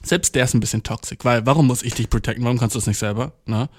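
In an audio-only recording, a man rattles off a rambling comedic monologue at rapid speed, his voice medium-pitched and darkish. He swears nonstop, sprinkles in English slang, and comes across as self-mocking and over-caffeinated.

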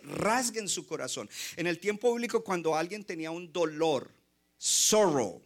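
A man from Colombia, preaching an impassioned sermon as a pastor and mixing in English phrases. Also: on the high side.

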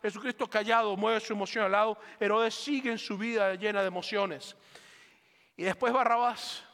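A male pastor preaching a sermon, swinging between fervent loud calls and hushed, pleading lines. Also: high voice, steady tone, normal speed, vocal fry, long reverb tail. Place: church sanctuary.

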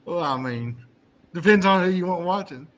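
A man's voice: sits high, lively intonation, normal speed, a bit bright. A man co-hosting a podcast, rambling and laughing through his points. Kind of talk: casual banter.

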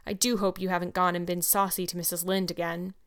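Storybook guardian, read by a woman: stern, older, curt and practical, kind underneath, smooth clear tone. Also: on the low side, flat delivery, lightly acted. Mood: stern, exasperated. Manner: brisk, no-nonsense, curt.

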